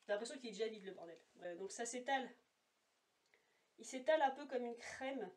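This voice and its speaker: A woman's voice: fairly high pitch, lively intonation, brisk, darkish tone. A woman making a casual makeup swatch vlog at home, chatty and rambling with many fillers, talking to a camera set apart from her. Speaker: beauty vlogger. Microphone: camera set apart, no monitor. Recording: voice a little far from the mic.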